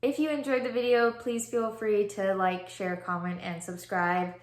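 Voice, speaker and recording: A young woman talks through her travel vlog in a casual, easygoing voice-over, with plenty of "um"s. Her pitch sits in a middle range. The recording has a noticeable roomy echo. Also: moderate pace. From California. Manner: relaxed, chatty, frequent "um" fillers. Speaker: travel vlogger.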